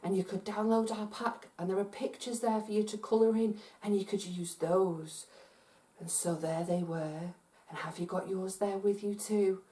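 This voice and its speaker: A woman's voice: mid-range voice, moderate pace, recorded from a distance. A woman from Scotland leading an interactive, multi-sensory story for children, speaking directly to listeners at home and encouraging them to join in. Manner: animated, encouraging, talks straight to listeners at home. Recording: roomy echo, voice from off-mic.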